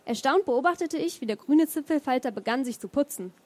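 Woman reading her novel chapter out loud, a bit high pitched, lots of ähm when she chats. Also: animated, fairly quick, no room sound. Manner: hesitant fillers when talking freely. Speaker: reader of a novel. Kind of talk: reading a novel aloud with comments.

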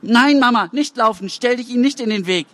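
A man playing a desperate teenage boy, high strained voice, dry sound, story reading. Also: fairly quick, a bit bright, no echo. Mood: pleading. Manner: pleading, desperate. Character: teenage boy begging not to be taken.

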